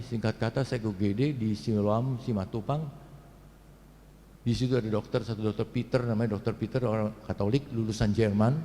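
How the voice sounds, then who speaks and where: Animated man preaching in an echoing hall. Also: medium pitch. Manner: animated storytelling, acting out quotes and sounds. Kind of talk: sermon with personal testimony. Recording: long hall reverb.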